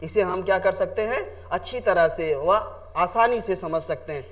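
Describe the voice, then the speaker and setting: A man with a high-pitched voice teaches a grammar lesson at a measured pace. He often repeats himself and asks the class questions that he then answers.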